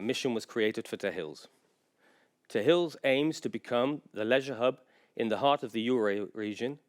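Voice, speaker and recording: A man giving a measured, informative conference presentation as a general manager, pausing often on fillers. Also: mid-range voice. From England.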